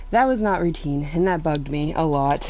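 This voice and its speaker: Woman, low voice, out of breath, casual rant, headset mic, faint background noise. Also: rough recording. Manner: animated storytelling, acting out quotes. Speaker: streamer. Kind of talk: casual ranting to chat.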